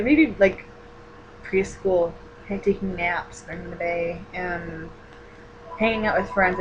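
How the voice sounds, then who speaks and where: This vlogger, a woman in her twenties, speaks on the low side over a noisy background in a muffled recording. She answers personal questions casually, rambling and restarting with plenty of fillers.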